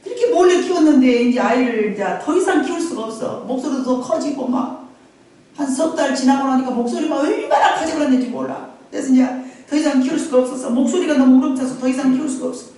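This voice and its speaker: A middle-aged woman pastor telling a Bible story in a lively, conversational sermon, repeating phrases and addressing the congregation directly. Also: high-pitched, fast. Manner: animated, repetitive, conversational asides to the congregation. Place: church sanctuary. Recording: very echoey sanctuary, from far off.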